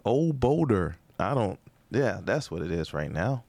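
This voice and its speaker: A man's voice: sits low, expressive, normal speed, gravelly, a little mellow, no room sound. A man, a comedian hosting his own podcast, rambling through a comedic monologue with sarcastic asides and rhetorical questions.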